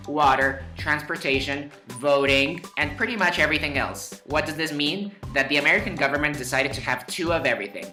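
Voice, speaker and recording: A man's voice: medium pitch, bright, forceful tone. A man narrating a scripted history lesson as host, with playful, wry asides and words stretched for emphasis. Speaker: host of a history explainer show. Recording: roomy echo, faint music behind.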